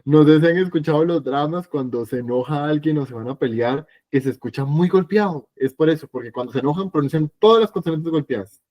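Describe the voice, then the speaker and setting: A man teaching an evening language class, patient and explanatory, slowly repeating sounds for his students. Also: on the high side, highs cut off. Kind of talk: online class lesson.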